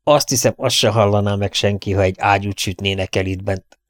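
A man's voice: on the low side, steady tone, dry recording, clean studio sound, close to an everyday voice. A man voicing a gloating young male murderer in an audiobook, mocking and given to laughter. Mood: gloating, menacing. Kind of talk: audiobook character reading.

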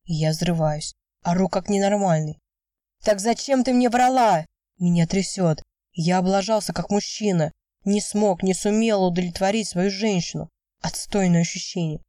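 A woman narrating an audiobook in first person with measured, steady reading. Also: lowish voice, no room sound, studio quality, recorded from a distance. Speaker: audiobook reader.

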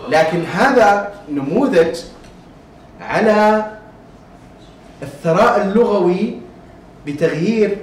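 A man giving a recorded lesson, reciting verses in a measured chant and often checking that his listeners follow. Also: sits high, lively intonation, echoey room, recorded from a distance, rough recording. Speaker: teacher.

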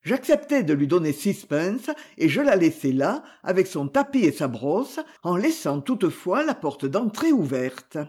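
Un homme qui lit un roman à voix haute, une narration écrite et expressive à la première personne. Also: male voice, sits high, unhurried, few pauses, slightly rough. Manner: expressive first-person reading. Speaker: audiobook reader. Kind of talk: scripted narration.

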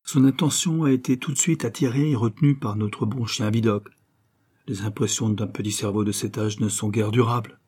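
A man voicing an earnest young avenger and devoted son, grave and measured. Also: fairly low pitch, steady tone, darkish tone, breathy edge. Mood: calm. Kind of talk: audiobook reading.

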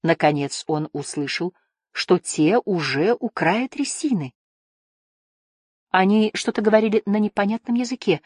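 A woman narrating an adventure story in a steady storytelling voice. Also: mid-range voice, a little slow, breathy edge, no echo, studio quality. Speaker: audiobook narrator. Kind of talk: scripted narration.

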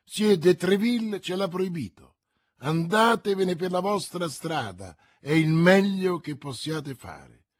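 A man's voice: sits high, animated, slow, full character voice. A man reading as Athos, grave veteran musketeer. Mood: courteous defiance. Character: proud veteran male musketeer, cool and grave.

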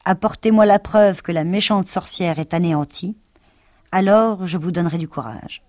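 Great terrible wizard, calm, slow, voiced by a woman, dry storybook reading. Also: lowish voice, no echo, close to an everyday voice. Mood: stern.

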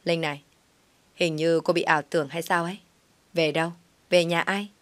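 Woman voicing a curt, mocking young man, lowish and dry. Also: steady tone, normal speed, no echo, close to an everyday voice. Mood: scornful. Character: cold dismissive young man, scornful and sharp.

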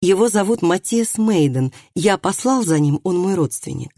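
An earnest man asks plain, direct questions, as an audiobook reader puts him on. His tone is mellow and dark, and the sound is dry. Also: medium pitch, animated, normal speed, no echo. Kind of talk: audiobook dialogue reading.

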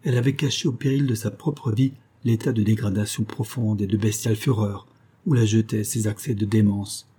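A man narrating a literary audiobook in a measured, dramatic way. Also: on the low side, steady tone, mellow, slightly rough.

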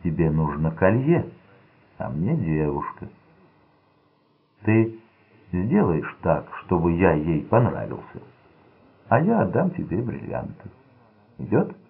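A man voicing an unstable young gangster son who speaks in a slow, sulky, menacing way. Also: deep voice, wildly swooping pitch, creaky, breathy edge, exaggerated voice. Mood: sullen. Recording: tinny lo-fi narrow-band audio.

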